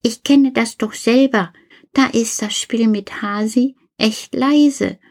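A woman's voice: fairly high pitch, takes it slowly, darkish tone, pitched above the performer's own voice. A woman voicing a cheeky little male creature who scoffs and bosses in a raised voice, in a spoken children's story. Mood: bossy.

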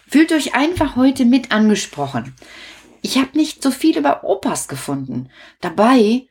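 A woman's voice: on the high side, darkish tone. Chatty woman hosting for children. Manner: rambling, self-deprecating storytelling. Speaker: host of a children's show. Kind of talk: casual chatty address to children.

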